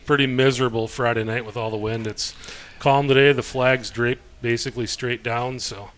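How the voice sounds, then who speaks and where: A man calling a high school football game play-by-play in a relaxed, chatty way that lifts with the action. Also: moderate pace. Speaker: play-by-play announcer. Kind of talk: live sports commentary.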